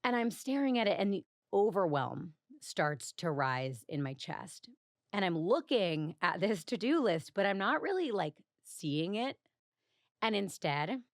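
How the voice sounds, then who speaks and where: A woman's voice: lowish voice, expressive, measured pace, no room sound, studio quality. A woman hosting her own podcast, telling a personal story in a chatty, confessional way, often saying "like" and laughing lightly. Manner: chatty and confessional, heavy use of "like", frequent small laughs. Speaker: podcast host. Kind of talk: casual solo podcast storytelling.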